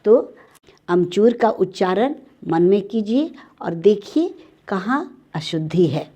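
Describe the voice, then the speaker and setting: Woman schoolteacher for a primary spelling lesson: slow, deliberate, spells each word letter by letter, talks gently to the children. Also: medium pitch, expressive, dull audio. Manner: gently addresses the children, with simple questions and explanations.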